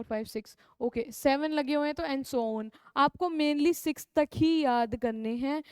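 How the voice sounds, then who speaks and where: A young woman with a North Indian accent teaches a chemistry class in a high-pitched voice, recorded without echo. She repeats key terms, answers her own questions, and coaxes her students, calling them "beta."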